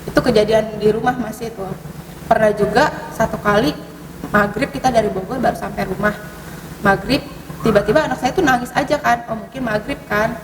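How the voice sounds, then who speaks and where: A woman telling ghost stories in casual conversation, hesitant, with many fillers and sudden rises in pitch. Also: a little fast. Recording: distant mic, echoey hall, noisy.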